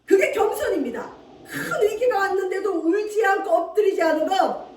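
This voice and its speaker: A woman pastor preaching a sermon, animated, acting out pleading prayers with laughter in her voice. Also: very high voice, moderate pace, a little hiss or hum. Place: church sanctuary. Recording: echoey church hall, from far off.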